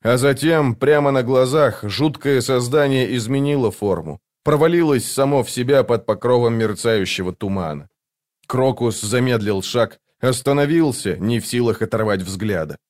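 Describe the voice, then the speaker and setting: A man reading a fantasy audiobook in a steady, measured way. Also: mid-range voice. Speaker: audiobook narrator. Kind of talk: scripted fantasy narration.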